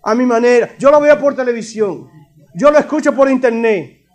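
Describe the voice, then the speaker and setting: Casual churchgoer who stays home, as a pastor puts him on. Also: male voice, extremely high pitch, animated, moderate pace. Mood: dismissive. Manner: offhand, self-satisfied excuses. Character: adult man who skips church, casually dismissive.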